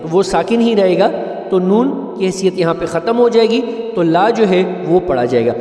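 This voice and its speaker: High pitched guy teaching recitation, talks fast then chants slow, long hall reverb, faint music behind. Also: animated, warm tone. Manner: brisk explaining broken by slow melodic chanting. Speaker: Quran teacher. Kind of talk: tajweed lesson with chanted recitation examples. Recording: echoey hall, distant mic, faint music.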